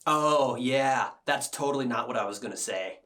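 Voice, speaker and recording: A man voicing Buttons, an excitable, childlike character who asks eager questions. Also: mid-range voice, moderate pace, close to an everyday voice.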